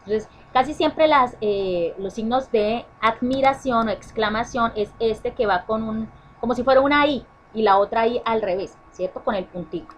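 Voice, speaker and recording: A woman's voice: on the high side, normal speed, a little hiss or hum, poor audio. A woman teacher explaining a grammar lesson to children, often checking in with "¿sí?" and correcting herself as she goes. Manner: self-correcting restarts. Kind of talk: online class explanation.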